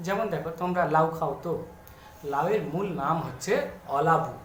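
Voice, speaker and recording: A man's voice: a little high, a little fast, fairly bright tone, slight background noise. A man teaching a grammar lesson to students, explaining patiently and answering his own questions. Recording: echoey room with faint music.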